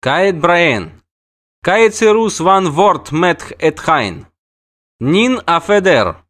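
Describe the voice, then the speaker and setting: A man voicing a proud, mocking female dryad in an audiobook reading, drawing out slow foreign words. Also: sits high, very animated, fairly bright tone, voice pushed up, exaggerated voice. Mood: haughty.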